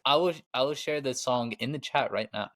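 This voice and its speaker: A man's voice: mid-range voice, a little fast, a bit bright. A young man co-hosting a casual podcast, laid-back as he explains news details. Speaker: podcast co-host. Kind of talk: casual chat.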